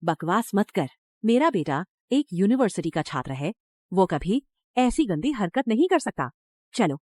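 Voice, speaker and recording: Cast a cruel middle-aged village mother-in-law, harsh and threatening, lively pitch. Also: a little slow, no room sound, clean studio sound. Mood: defensive. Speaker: dubbing actor. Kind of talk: Hindi drama dub.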